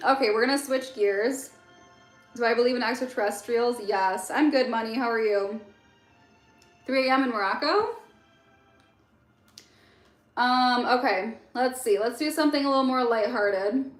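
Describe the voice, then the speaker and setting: A woman's voice: fairly high pitch, normal speed, long pauses. A young woman born in Egypt, casually chatting with viewers on a late-night livestream, answering chat questions with lots of fillers. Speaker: livestream host. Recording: roomy echo with faint music.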